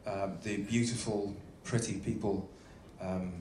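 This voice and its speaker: A man's voice: lowish voice, level tone, unhurried. Male captain as stage host, dry and teasing, echoey noisy theatre capture. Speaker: ship's captain hosting staff introductions. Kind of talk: joking live stage introductions to an audience. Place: theatre stage on a cruise ship. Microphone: handheld PA mic, filmed from the seats. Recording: echoey theatre, noisy phone recording from audience.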